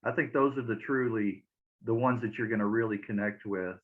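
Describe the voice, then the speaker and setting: A man's voice: lowish voice, fairly quick. A man hosting an interview, giving short agreeing replies and reflective remarks. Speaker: interview host. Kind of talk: casual interview. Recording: tinny phone-like line.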